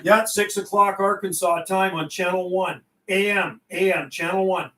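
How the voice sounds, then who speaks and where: A middle-aged man chats casually over CB radio while hosting a livestream, folksy and prone to repeating himself. His voice sits high with fairly even intonation, a moderate pace and a sharp tone. The sound is reverberant, as if he's far from the mic.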